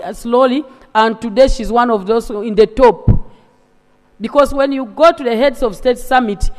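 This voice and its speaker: A woman from eastern Uganda with a Ugandan accent, giving an impassioned, emphatic speech as a legislator in a parliamentary debate. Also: high voice. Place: large assembly chamber. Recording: long reverb of a large chamber.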